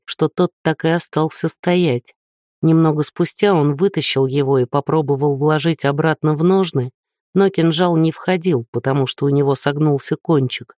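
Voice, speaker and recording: A man's voice: on the high side, darkish tone, no echo, clean studio sound. Man reading a novel aloud. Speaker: audiobook reader. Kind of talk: scripted narration.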